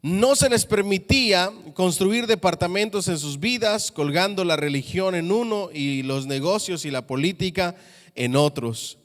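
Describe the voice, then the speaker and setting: A man's voice: high-pitched, a little slow, long reverb tail. A male pastor preaching a sermon to his congregation. He often stops to check in with them through questions. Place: church.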